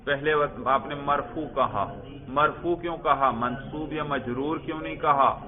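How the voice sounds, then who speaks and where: A man's voice: a little high, a crowd in the background. A male teacher giving a classroom grammar lesson, quizzing students step by step and praising their answers. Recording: tinny phone-like sound.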